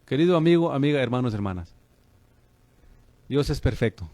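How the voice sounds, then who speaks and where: A man's voice: medium pitch, animated, moderate pace, mellow, no room sound. A man preaching on the radio as a pastor and host, fervent and calling listeners brother.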